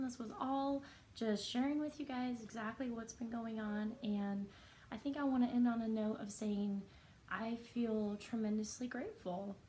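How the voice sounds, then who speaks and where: Talking straight to camera in her personal vlog, a woman sounds earnest and reflective, taking her time with frequent pauses. Her voice is somewhat high yet soft and raspy. The audio is poor, with a faint ambient hum in the background.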